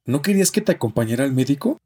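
Man playing a mellow-voiced, stubborn zoo owner. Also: mid-range voice, lively intonation, very fast, breathy edge. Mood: earnest, resigned. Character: stressed, stubborn male zoo owner, scolding brother. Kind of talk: audio drama dialogue.

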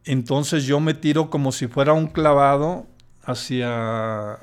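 A man's voice: medium pitch, steady tone, takes it slowly, clean tone. An older man, a podcast guest telling a personal story in a hesitant way, with many restarts.

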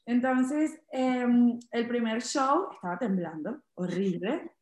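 Young female stand-up, animated storyteller, laughs a lot, slightly high voice, echoey room. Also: takes it slowly. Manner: animated, laughs often, acts out quotes. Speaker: stand-up comedian, guest. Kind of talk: casual interview storytelling.

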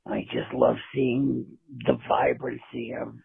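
A man with a gravelly voice leaving a pompous, self-satisfied voicemail over a phone line. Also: mid-range voice, big pitch swings, slow, no echo. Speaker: caller.

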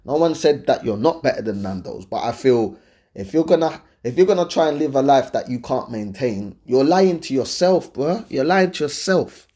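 A man's voice: medium pitch, expressive, normal speed, mellow. A man with a London accent and a mid-range voice talks as a host giving advice. His delivery is casual and opinionated, full of street slang. He speaks directly to his viewers and regularly checks that they are following. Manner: slangy, conversational, checks in with listeners often.

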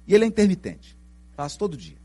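A middle-aged Brazilian man with a Brazilian Portuguese accent giving a spiritist lecture, telling stories in an animated way and asking the audience questions. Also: high-pitched, quick pace. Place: lecture hall.

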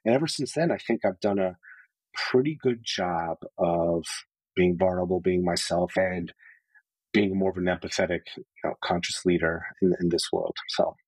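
Man, very deep voice, husky, candid storytelling, dry close sound. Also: normal speed, no echo, low-quality recording. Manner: earnest, open, many filler "like"s. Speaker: podcast guest, sales leader.

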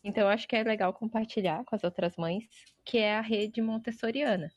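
Mulher relaxada falando por chamada de vídeo. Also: female voice, on the high side, steady tone, a little fast, no echo. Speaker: guest mother. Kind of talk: casual chat.

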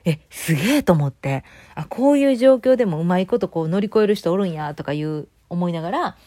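A middle-aged woman with a Kansai Japanese accent chatting alone at home, telling a rambling story full of fillers. She speaks fast in a slightly low voice, and the recording is close and dry with no room sound. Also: animated, mellow, no echo. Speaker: vlogger. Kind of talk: casual solo chat.

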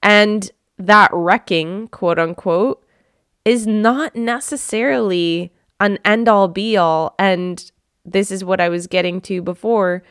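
A woman's voice: medium pitch, takes it slowly, a bit bright, clear, resonant tone, dry recording, studio quality. A woman hosting her own podcast, speaking earnestly and from the heart straight to her listeners. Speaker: podcast host. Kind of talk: reflective solo podcast talk.

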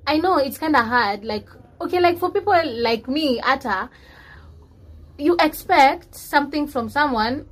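High-voiced Kenyan woman chatting. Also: lively intonation, measured pace. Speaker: podcast co-host. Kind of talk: casual chat, mixing English and Swahili slang.

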